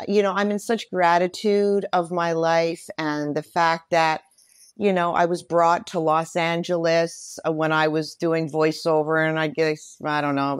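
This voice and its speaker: A middle-aged woman with a low, clean voice speaks earnestly and thoughtfully as a podcast guest, a performer and mentor in a casual interview. She often affirms what she hears, and the studio recording is clean with no echo.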